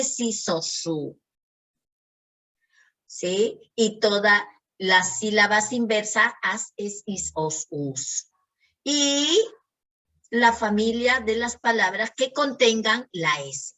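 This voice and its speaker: A woman's voice: mid-range voice, pushed and bright. A woman teacher, giving a patient spelling lesson and often checking in with her class. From Peru.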